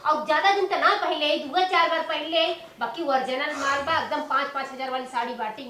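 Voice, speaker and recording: A woman's voice: high-pitched, brisk, pushed and bright. A woman with an Awadhi accent acting in a comedy skit as a boastful daughter who talks down to her village family. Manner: boastful, teasing, rustic dialect. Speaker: daughter visiting her parents with her rich husband. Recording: echoey room with faint noise.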